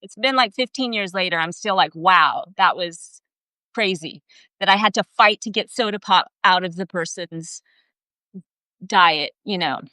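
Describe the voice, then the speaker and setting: A woman's voice: medium pitch, normal speed, sharp tone, no room sound. A woman hosting a casual live video chat, telling a story in an earnest, emphatic way. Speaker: host. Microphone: video call.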